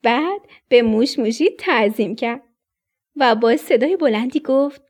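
Brief: high, breathy woman storyteller, animated children's narration. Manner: expressive, dips into whispers for suspense.

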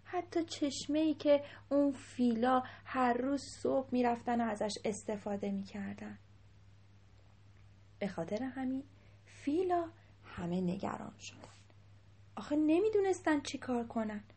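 A woman telling a children's story in a lively voice, dropping into whispers at times. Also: sits high, husky. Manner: animated, dips into whispers.

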